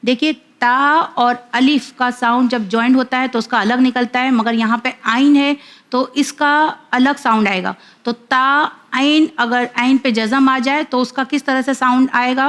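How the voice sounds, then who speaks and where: Woman, high pitch, Pakistani Urdu accent, patient children's Quran reading teacher who drills each letter pair twice, slowly and clearly. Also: a bit bright. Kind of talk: slow syllable-by-syllable recitation lesson.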